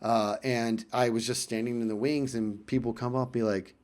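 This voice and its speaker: Speaking at a normal speed with a medium pitch, this man shares a personal anecdote vlog-style. His delivery is casual yet lively and forceful, and he repeats phrases to drive points home.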